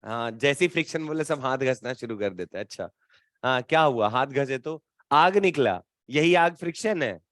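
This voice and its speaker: A man teaching physics to a class in a casual, teasing way, bantering with students and slowing down to stress key terms. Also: medium pitch, lively intonation, a bit bright, dry recording, clean studio sound. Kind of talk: classroom lecture.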